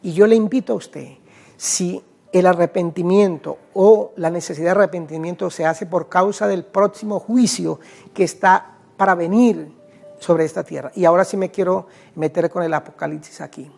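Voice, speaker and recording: A man's voice: high voice, fairly even intonation, normal speed, creaky, darkish tone. A man with a Colombian Spanish accent, preaching an evangelistic sermon emphatically, addressing listeners directly and reading scripture aloud. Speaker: pastor.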